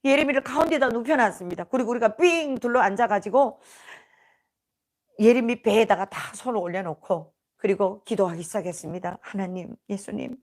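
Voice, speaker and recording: A woman's voice: fairly high pitch, a little fast. A woman with a North Korean accent giving an earnest, emotional personal faith testimony. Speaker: testimony speaker.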